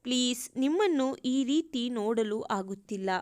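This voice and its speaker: A woman's voice: on the high side, expressive, a little slow, a little mellow, no echo. A woman voicing a young woman who pleads through tears. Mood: pleading. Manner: sobbing, pleading.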